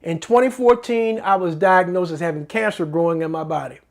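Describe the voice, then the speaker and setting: A middle-aged host of a faith-based talk show gives an earnest teaching monologue at a brisk pace and medium pitch. He preaches more than he chats, repeating key phrases for emphasis.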